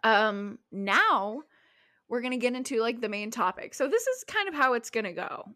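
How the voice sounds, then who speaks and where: A young woman co-hosting a casual podcast, telling stories in an animated, giggly way on a close mic. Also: a little high, normal speed. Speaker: podcast co-host. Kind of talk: casual chat.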